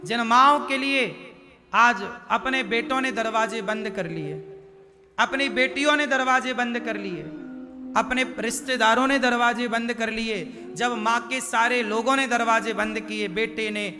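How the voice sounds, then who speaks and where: A man telling a devotional story as a preacher, chanting verses and explaining them in a storytelling sermon. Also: high voice. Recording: live hall with reverb and music.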